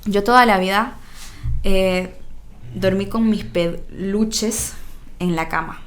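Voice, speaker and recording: A young adult woman, a guest on a casual podcast. Her voice sits at a middling pitch, and she tells her stories freely, slipping into the voices of the people she quotes. She leans on fillers like "digamos, ¿no?" as she goes. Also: slow. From Bolivia. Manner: chatty storyteller acting out quoted dialogue, frequent "digamos, ¿no?" fillers.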